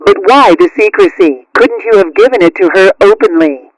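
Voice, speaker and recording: A man voicing a caring, gently firm mother cat in a cartoon, in a soothing, motherly manner. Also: high voice, expressive, normal speed, no echo, poor audio. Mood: polite suspicion. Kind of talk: cartoon character acting.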